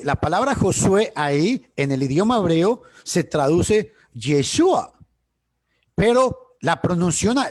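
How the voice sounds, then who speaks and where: A man's voice: high voice, a little mellow, no echo. A man teaching church doctrine on a video call, emphatic and full of rhetorical questions, often restarting words.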